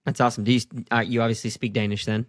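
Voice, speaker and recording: A man's voice: mid-range voice, level tone, very fast, no room sound, clean studio sound. A man hosting a podcast interview, chatting in a friendly, casual way with lots of fillers. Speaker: podcast host.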